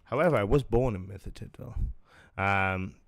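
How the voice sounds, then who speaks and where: Here a South Welsh stream host, a young man, talks on the low side at a moderate pace, his tone fairly bright. He rambles through casual live-stream chat, swearing often and frequently restarting amid plenty of fillers.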